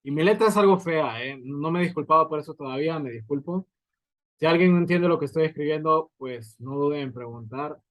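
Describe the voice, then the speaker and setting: A man's voice: a little high, fairly quick, dry recording, poor audio. A man teaching a physics lesson, explaining step by step and often checking in with his students. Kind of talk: recorded lecture at a writing board.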